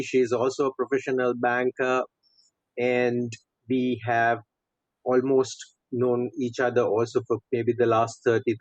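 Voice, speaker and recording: A middle-aged man with a Sri Lankan accent, tied to Sri Lanka and Saudi Arabia, talks about himself as a podcast guest and coach. His medium-pitched voice is conversational, and the audio is dull, lo-fi, and dry with no room sound.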